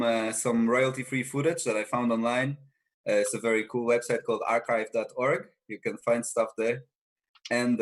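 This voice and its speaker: Rambling man on a video call. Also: mid-range voice. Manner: rambling, hesitant, laughs often. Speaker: band member. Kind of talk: casual chat on a video call.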